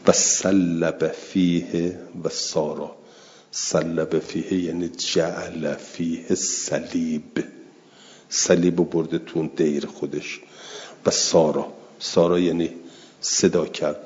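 A man teaching a religious lesson explains an Arabic text word by word, repeating each term as he defines it in a conversational way. His voice is low-pitched, a little mellow and flat in delivery, on a dull lo-fi recording with long reverb.

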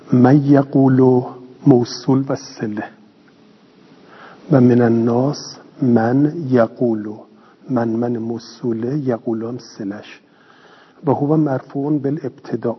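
A man teaching a lesson who reads a phrase slowly, then explains it quickly in plain speech, asking and answering his own questions. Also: medium pitch, slightly rough. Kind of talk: classroom lesson reading and explaining a text. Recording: lo-fi recording with long reverb.

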